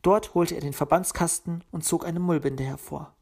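A woman with a fairly low voice reads a storybook aloud. Her narration is calm and even, unhurried between the characters' lines. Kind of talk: storybook reading.

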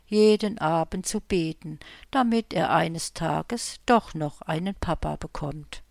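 A woman reading her own short story aloud in a calm, measured, gentle way. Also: on the low side, dry recording, studio quality.

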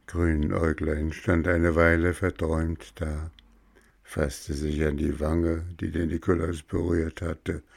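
A man narrating an audio story in a calm, unhurried reading manner. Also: low-pitched, gravelly, no room sound, studio quality.

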